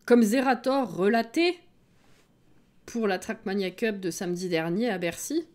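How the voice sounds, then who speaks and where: A woman's voice: mid-range voice, lively intonation, a little slow, darkish tone. A woman streamer in casual chat with her viewers, laughing often and greeting people as they come in.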